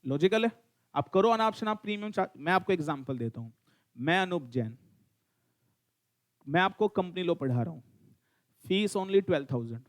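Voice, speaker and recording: A man's voice: high voice, animated, normal speed, pauses often. A middle-aged man with an Indian accent teaching a law class, mixing in English and quizzing and teasing his students as he goes. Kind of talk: classroom lecture.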